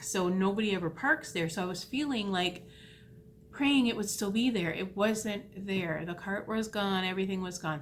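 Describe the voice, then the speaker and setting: A woman vlogging in a casual, rambling way, retelling a mishap with animated, self-deprecating asides. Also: mid-range voice, a little hiss or hum. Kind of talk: casual storytelling vlog.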